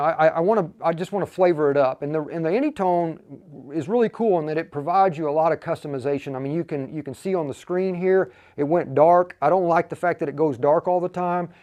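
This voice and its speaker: On a livestream, a man with a highish, slightly mellow voice walks through a radio programming tutorial in an informal, step-by-step way, talking through his thinking as he shows it.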